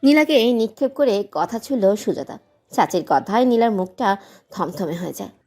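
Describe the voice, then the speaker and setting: A woman's voice: mid-range voice, moderate pace, slightly rough. Emotive woman narrating a drama. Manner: emotive, expressive. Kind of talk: dramatic audio story narration.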